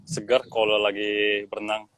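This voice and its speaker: A man's voice: on the low side, completely flat delivery, moderate pace, fairly bright tone, a little hiss or hum. Laid-back young man from Switzerland. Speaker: guest, tour guide. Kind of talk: casual interview chat.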